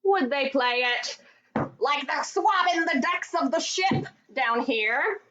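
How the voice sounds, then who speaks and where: A woman's voice: sits high, lively intonation, slow, pushed and bright, highs cut off. A woman from Texas, a music therapist, leading a children's movement and music class and cheerfully speaking straight to the kids at home. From Texas, USA. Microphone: computer microphone.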